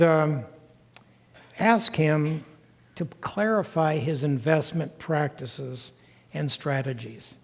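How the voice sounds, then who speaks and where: A man's voice: a little high, a little mellow. An older man giving a public lecture as a first-person account, explaining with emphasis and addressing his listeners directly. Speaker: guest lecturer recounting time in county government. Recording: echoey lecture hall, long reverb.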